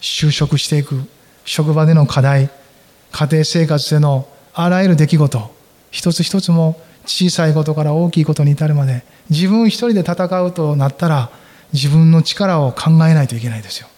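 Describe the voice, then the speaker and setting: Pastor preaching in a reverberant hall. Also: male voice, fairly high pitch, moderate pace. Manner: shifts between loud emphatic lines and near-whispered asides. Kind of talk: sermon. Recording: long reverb of a large hall.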